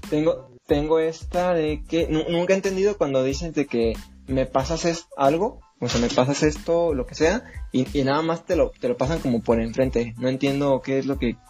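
Brief: Mexican male podcast host, casual banter, animated storyteller who jokes and curses, faint music behind. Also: a little high, moderate pace, few pauses. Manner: animated storyteller, joking and swearing. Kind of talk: casual chat.

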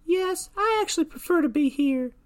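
Guy doing a squeaky prim mitten girl, kinda vain, way up high. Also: expressive, moderate pace.

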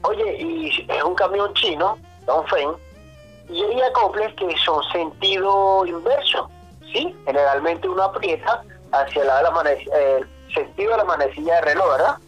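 Man, guest storyteller, animated, swearing, casual talk, faint music. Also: high-pitched, normal speed, slightly rough, dull audio. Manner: animated, swears, addresses listener as brother. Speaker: podcast guest, mechanic.

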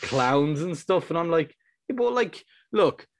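A young man co-hosting a podcast in casual chat, animated and sweary, acting out quotes as he talks. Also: fairly high pitch, unhurried, no echo. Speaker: podcast co-host.

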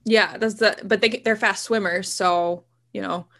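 A woman's voice: medium pitch, fairly even intonation, unhurried, a bit bright. Woman co-host, chatty and rambling, easy laughter. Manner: enthusiastic about marine biology. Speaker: podcast co-host. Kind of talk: casual chat.

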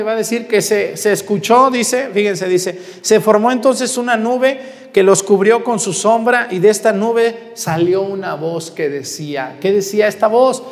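A Mexican priest delivers a sermon in a high-pitched male voice with a Mexican Spanish accent. He's animated, asking the congregation questions and dropping to a hush for emphasis. The church gives his voice a long, reverberant hall echo.

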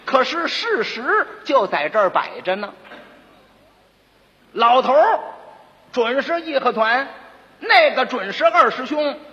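A man with a Beijing accent voicing a scornful, sharp-tongued county magistrate who mocks and laughs coldly. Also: extremely high pitch, big pitch swings, a little slow, long pauses, heavily acted. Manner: mocking, laughing, cold sneers. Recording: dull lo-fi recording with long reverb.

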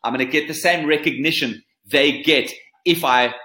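A man with a South African accent, a surf coach being interviewed, talking in an animated, emphatic way and repeating phrases for effect. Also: on the high side, moderate pace, reverberant. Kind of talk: podcast interview.

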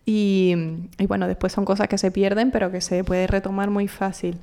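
A woman's voice: mid-range voice, little pitch movement, normal speed, mellow. A young adult woman from the Canary Islands, an actress being interviewed, talking expressively and thoughtfully with frequent restarts. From Canary Islands, Spain. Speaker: actress, guest. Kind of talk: casual interview chat.

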